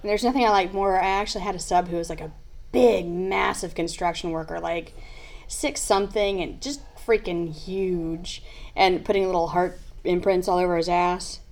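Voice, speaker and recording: A woman's voice: fairly low pitch, steady tone, normal speed, darkish tone. A woman chatting on a podcast as co-host. She sounds frank and playful, laughing easily as she riffs. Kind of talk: casual chat.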